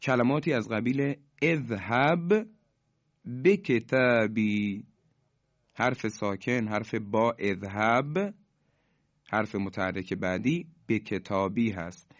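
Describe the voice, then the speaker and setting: A man teaching Quran recitation rules, who explains each rule slowly and then chants each example drawn out and louder. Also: lowish voice, dry recording, lo-fi sound. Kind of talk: recorded tajwid lesson.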